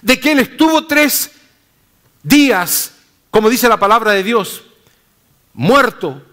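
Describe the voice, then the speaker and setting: A man pastor preaching a sermon in slow, deliberate phrases, dropping low and soft at the ends. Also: expressive.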